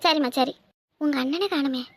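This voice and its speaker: A woman voicing a sharp-tongued, grumbling young wife in a cartoon, with a Kanyakumari Tamil accent. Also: high-pitched, normal speed, dry recording, close to an everyday voice. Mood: weary. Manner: sarcastic, grumbling. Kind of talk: cartoon voice acting.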